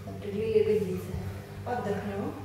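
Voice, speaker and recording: A young woman leading an exercise class as instructor, giving short measured commands and counting repetitions while she moves. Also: mid-range voice, steady tone. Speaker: fitness instructor. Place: small indoor exercise studio. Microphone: camera a few metres away. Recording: echoey room, distant mic, clear noise.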